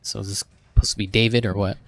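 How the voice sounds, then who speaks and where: A man with a fairly low voice hosts a reaction video. He talks in a loose, chatty way, thinks out loud and laughs often while he comments. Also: flat delivery, rapid-fire.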